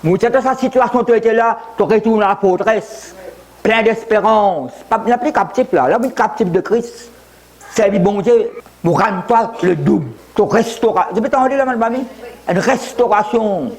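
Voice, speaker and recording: With a high, animated voice at normal speed, this seventy-something pastor from Mauritius preaches, circling back through repetitions and side remarks. Now and then he briefly shifts into English.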